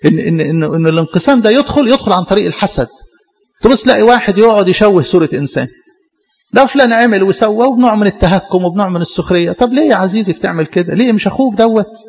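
A man with an Egyptian accent, a pastor, preaching a sermon in a quick, repetitive style full of rhetorical questions. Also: sits high, expressive, a little mellow, in a large hall, lo-fi sound. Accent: Egyptian Arabic. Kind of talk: Coptic church sermon.

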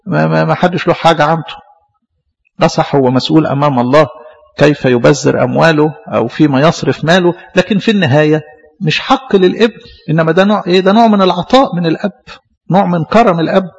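A man with an Egyptian accent preaches to his congregation, a priest who talks fast and chats as he goes. He acts out short exchanges between people as part of the sermon. His voice sits a little high and husky, carried on a long church reverb. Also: highs cut off. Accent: Egyptian Arabic. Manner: conversational preaching, acts out dialogues.

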